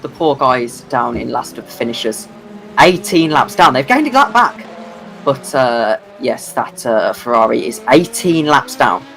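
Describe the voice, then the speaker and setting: A man's voice: medium pitch, animated, measured pace, vocal fry, a bit bright, a little hiss or hum, rough recording. A sleep-deprived man commentating an online endurance race, rambling and self-deprecating. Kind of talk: sim racing commentary.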